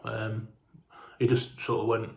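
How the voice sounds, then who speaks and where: A man's voice: fairly low pitch, little pitch movement, measured pace, vocal fry, a little mellow, reverberant. A man telling a casual, rambling travel story, sweary and chatty, sounding hungover and unwell. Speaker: fan vlogger.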